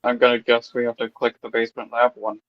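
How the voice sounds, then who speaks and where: A man's voice: medium pitch, completely flat delivery, quick pace, no echo. A man playing a tabletop game, chatting casually, joking and swearing freely. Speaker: player. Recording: dull, dry lo-fi mic.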